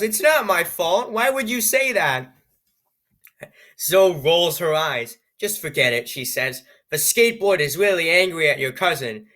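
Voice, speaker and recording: A man reads a strange computer-written story aloud in a high, bright voice, tripping over odd phrases. He breaks off again and again for sarcastic, amused comments on the text. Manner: sarcastic, amused, stumbles over words while reading. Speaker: channel host reading an AI-written story. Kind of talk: reading aloud with joking asides.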